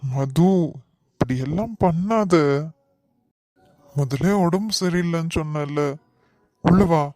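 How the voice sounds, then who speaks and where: Cartoon role: a man plays a firm, exasperated married young man, Kanyakumari Tamil accent, slightly high voice. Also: lively intonation, slow, dark tone, no room sound. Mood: coaxing. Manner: firm, exasperated, then coaxing. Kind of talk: cartoon voice acting.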